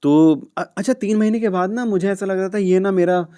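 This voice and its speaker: Mellow-voiced man telling animated stories. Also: sits high, fairly quick, no room sound, studio quality. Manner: animated storyteller who acts out dialogue and sounds; switches freely between Hindi and English. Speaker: podcast guest, radio jockey. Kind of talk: casual interview storytelling.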